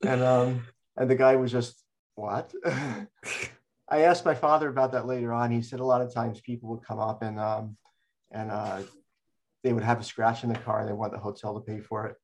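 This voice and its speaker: A man's voice: medium pitch, flat delivery, brisk, a little mellow. An older man telling stories in an oral history interview, rambling with many restarts. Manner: rambling storyteller, frequent restarts.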